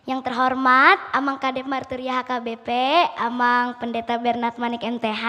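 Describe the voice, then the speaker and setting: A woman's voice: high voice, fairly bright tone. A woman, a guest singer, giving a polite formal greeting to a congregation. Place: church hall. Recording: long church hall reverb.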